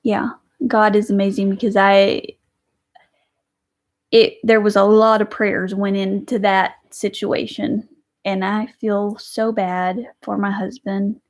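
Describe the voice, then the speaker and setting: Woman rambling on a home livestream, slow and kinda gravelly, reads out comments. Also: mid-range voice, little pitch movement. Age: adult with kids. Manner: chatty, rambling, reads viewer comments aloud. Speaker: livestream host. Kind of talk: casual live chat.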